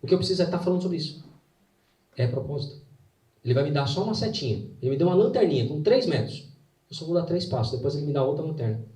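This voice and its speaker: Casting: earnest male faith speaker, mellow tone, echoey hall, mic at a distance. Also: a little high, expressive. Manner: earnest storytelling with dramatic pauses. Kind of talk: live inspirational talk. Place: hall with an audience.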